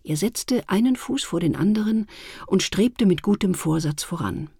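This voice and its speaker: A woman narrating a storybook with calm, measured storytelling in a husky, gravelly voice, recorded close and dry. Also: mid-range voice, dry recording. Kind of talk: storybook reading.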